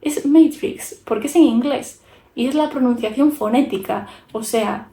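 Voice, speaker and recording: A woman's voice: a little high, moderate pace, echoey room, background noise. A young woman with a Spanish accent from Spain chatting frankly in a casual podcast style as a YouTuber, giving her opinions while she draws.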